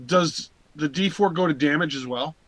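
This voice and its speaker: A man's voice: fairly high pitch, normal speed, a bit bright, poor audio. A man playing at a tabletop game, making wry jokes about his character's luck. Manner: joking, wry. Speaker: player. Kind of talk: casual tabletop play.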